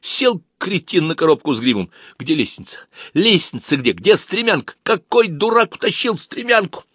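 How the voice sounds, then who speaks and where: A man reading a story aloud, voicing a gruff, bossy teenage stage manager who barks orders. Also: medium pitch, big pitch swings, normal speed, a bit bright, no echo, studio quality, voice pushed up. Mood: frantic, bossy. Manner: barking orders.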